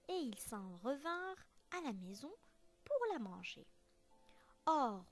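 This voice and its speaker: A woman teacher reading a children's story aloud in a slow, expressive storytelling voice. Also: a little high.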